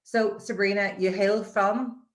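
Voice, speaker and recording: A woman's voice: mid-range voice, steady tone, measured pace, reverberant. A woman hosting a conversational interview in an effusive, encouraging manner. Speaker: host, mindset coach.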